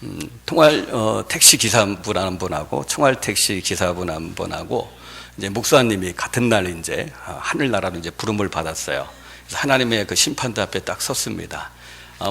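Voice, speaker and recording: A male pastor preaches a sermon in a somewhat low, husky voice. His delivery is animated, with wide pitch swings and emphatic rises. He often pauses on filler sounds as he tells a story.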